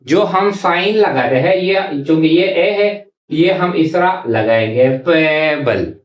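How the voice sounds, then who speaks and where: A man teaching a shorthand class, speaking slowly and repeating example words syllable by syllable. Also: on the high side, expressive. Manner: slow and repetitive, drawing out example words syllable by syllable. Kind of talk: classroom lesson explaining while writing. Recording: echoey room.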